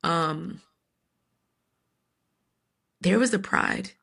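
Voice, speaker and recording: A woman in her thirties tells a personal story as a guest on a podcast. Her voice is bright and forceful, and she speaks in an animated, casual way. She often drops into quoted voices as she talks. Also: fairly low pitch, very slow, gravelly.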